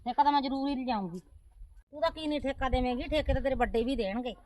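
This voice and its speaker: A woman's voice: high-pitched, racing, warm tone, lightly acted, poor audio. A woman playing an offended aunt who complains and insists in an amateur comedy short film. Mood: aggrieved. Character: sulking offended aunt, quarrelsome and demanding.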